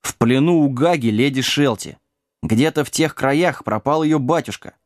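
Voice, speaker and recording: A man's voice: medium pitch, normal speed, no room sound, studio quality, lightly acted. A man doing an anxious mad king. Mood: urgent.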